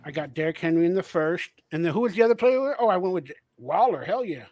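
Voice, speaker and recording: A man's voice: high voice, lively intonation, fast talker, darkish tone, no echo. A man hosting a casual fan livestream, talking animatedly and acting out quotes as he tells stories, swearing freely. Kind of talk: casual chat.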